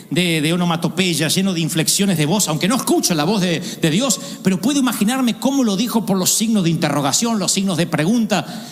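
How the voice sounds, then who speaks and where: An Argentine-accented man preaches with a high, animated voice that leaps up and down as he acts out scenes. His tone is ironic and theatrical. The sound carries a long reverb from a large auditorium. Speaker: pastor. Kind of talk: sermon.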